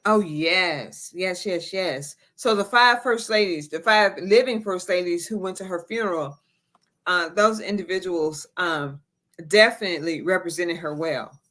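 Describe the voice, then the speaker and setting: A woman co-hosting a talk show, speaking in a measured way with formal phrasing. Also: lowish voice, fairly bright tone. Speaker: co-host. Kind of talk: casual talk show chat.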